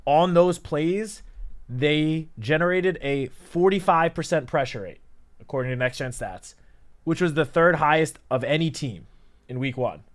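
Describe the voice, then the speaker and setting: A sports radio co-host with a voice on the high side speaks at a measured pace and lively intonation. Analytical and stat-driven, he lays out figures one by one to build a detailed argument.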